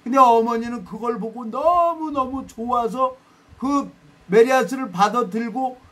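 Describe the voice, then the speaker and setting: Korean guy preaching, high voice, reads scripture then tells stories, acts out the voices. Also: a little slow, a bit bright. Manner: storytelling, dramatic quoted voices, self-deprecating asides. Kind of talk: sermon.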